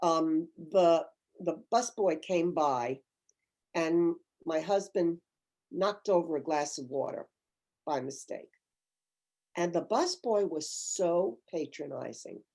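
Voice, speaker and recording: Older woman, low mellow voice. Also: slow. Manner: thoughtful, storytelling, emphatic. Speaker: author guest. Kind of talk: conversational interview.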